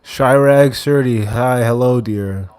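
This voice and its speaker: A man hosts a relaxed livestream from a kitchen while he cooks. His voice sits in a middle register, and he talks in an easygoing way as he reads viewer comments aloud and answers them one by one. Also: mid-range voice, slow, clean tone, no echo. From Wheaton, Illinois, USA. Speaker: livestream host. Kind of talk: casual livestream chat while cooking. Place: kitchen, indoors.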